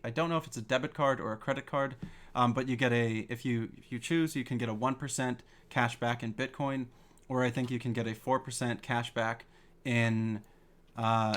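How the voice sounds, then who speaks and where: Male host of an online discussion group, casual and rambling, average pitch, call-quality audio. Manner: loose, rambling with fillers and restarts. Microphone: video call.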